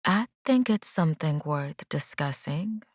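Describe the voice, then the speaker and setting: A woman's voice: low-pitched, expressive, measured pace, no room sound, studio quality. A woman voicing a nosy young female cousin in an audiobook, with playful, sly teasing.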